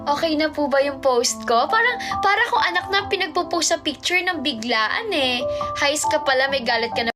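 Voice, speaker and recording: A young woman from the Philippines speaks in a high voice as she hosts a casual livestream. She reads viewer comments aloud and answers each one playfully. Music plays clearly behind her. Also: expressive, normal speed. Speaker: idol livestreamer reading fan comments. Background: music playing in the background.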